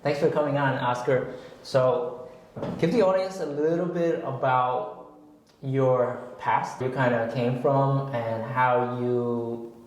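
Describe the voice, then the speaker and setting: A man's voice: mid-range voice, slow. A man co-hosting a casual podcast, asking the guest questions and chiming in briefly. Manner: brief encouraging backchannels. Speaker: podcast co-host. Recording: very echoey room, faint noise.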